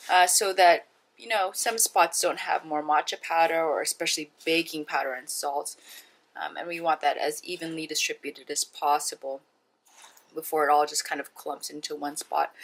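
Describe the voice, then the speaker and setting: Speaking to the camera in a lowish, somewhat bright voice, this woman runs a casual cooking demonstration. She's chatty and relaxed, explains things step by step, and addresses her audience as "guys" and "friends."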